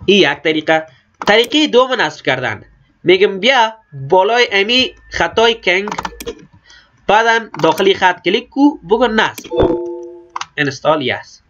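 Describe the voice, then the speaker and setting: In a slightly dull lo-fi clip with background noise, a man with an Afghan Dari accent teaches computer use step by step. He's a high-pitched, animated instructor who pauses often, describing each click simply and repeating steps.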